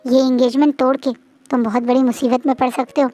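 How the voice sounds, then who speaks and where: A woman voicing a calm elder brother who earnestly warns his sibling in a storybook reading. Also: sits high, brisk, natural voice.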